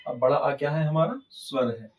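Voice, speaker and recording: A man's voice: a little high, expressive, moderate pace, far from the mic, rough recording. Man teaching grammar with rhetorical questions. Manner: asks rhetorical questions and answers them himself. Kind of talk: classroom-style grammar lesson.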